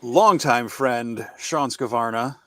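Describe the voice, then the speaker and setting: A man's voice: medium pitch, slow, no room sound. A man hosting a casual podcast over a call, rambling through friendly introductions. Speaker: podcast host.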